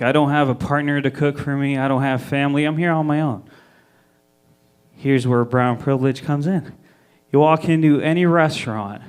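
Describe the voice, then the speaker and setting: A man's voice: mid-range voice, darkish tone. A man from Egypt doing a stand-up set in a small live venue. He is brash and profane, pushing the crowd for energy in a mid-range voice. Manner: brash, swearing, hyping the crowd. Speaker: stand-up comic.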